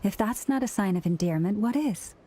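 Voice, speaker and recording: A woman voicing a gentle, affectionate and gracious young lady in a video game, speaking kindly. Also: mid-range voice, lively intonation, fairly quick, a little hiss or hum, lightly acted. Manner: kindly, considerate.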